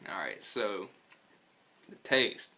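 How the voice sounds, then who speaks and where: Low-voiced American man, lip full of dip. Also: very animated, slow pace, gravelly, sharp tone. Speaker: product reviewer and storyteller. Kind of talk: casual profane vlog chat.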